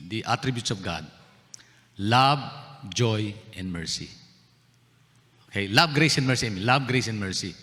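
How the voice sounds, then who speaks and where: A man from the Philippines preaches to his congregation, his bright voice ringing with a long reverb through the church hall. He slips English phrases into his sermon and keeps asking his listeners questions. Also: medium pitch. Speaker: pastor. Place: church sanctuary.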